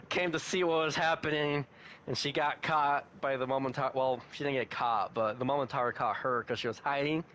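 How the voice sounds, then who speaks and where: A man's voice: medium pitch, moderate pace, pushed and bright, slight background noise. A young man hosting a podcast, casually recapping an anime plot and laughing often as he tells it. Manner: giggly, laughs often while retelling scenes. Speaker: podcast host.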